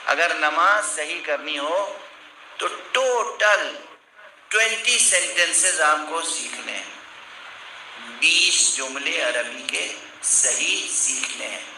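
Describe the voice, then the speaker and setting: A man's voice: fairly high pitch, animated, pushed and bright. A man preaching a sermon to a gathering, explaining points emphatically and breaking into scolding outbursts. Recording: echoey hall from far off with noise.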